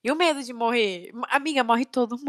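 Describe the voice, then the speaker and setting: Young woman podcaster, slangy and giggly, pretty high voice, dry close sound. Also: fairly quick, no echo. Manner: chatty, laughing, slangy. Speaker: podcast co-host. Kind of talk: casual chat.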